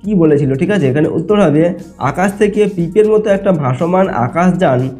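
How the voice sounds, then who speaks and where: A man's voice: a little high, lively intonation, normal speed, darkish tone, soft background music. A man going through exam answers as a teacher, explaining step by step and often checking in with his listeners. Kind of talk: exam answer walkthrough lesson.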